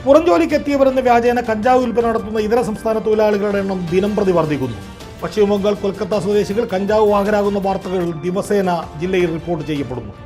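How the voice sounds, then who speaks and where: A man reading the news in a formal, steady way. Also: sits high, quick pace, soft background music. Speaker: news presenter.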